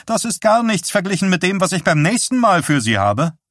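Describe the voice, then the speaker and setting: Man putting on a shrill bossy woman therapist. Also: expressive, normal speed, a bit bright, no room sound, studio quality. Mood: mocking. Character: small, brisk, teasingly bossy woman physical therapist.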